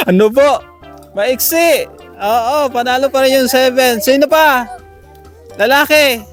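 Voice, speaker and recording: A man hosting games for schoolchildren outdoors, coaxing and counting down with animated energy. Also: very high-pitched, slow pace, soft background music. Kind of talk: lively outdoor game hosting.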